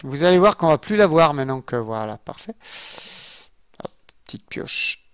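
Very animated and a little high, this gaming YouTuber's voice is clear, resonant, and fairly bright, at a normal speed with no echo. He does casual let's-play commentary from his home computer in a room with a glass desk, chatting and muttering asides to viewers as he builds.

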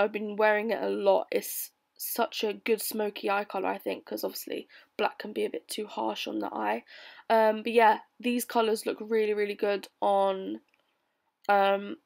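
Bored young British woman, creaky voice. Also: normal speed. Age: young adult. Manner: bored, low-energy, flat delivery. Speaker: beauty vlogger. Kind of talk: casual makeup tutorial voice-over. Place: bedroom, voice-over recorded lying on bed.

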